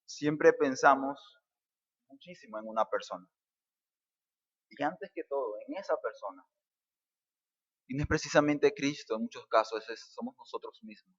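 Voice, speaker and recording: A man's voice: medium pitch, normal speed, pauses often, a bit bright, in a large hall, highs cut off. A male pastor preaching a fervent sermon, asking rhetorical questions and calling his listeners brother. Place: church.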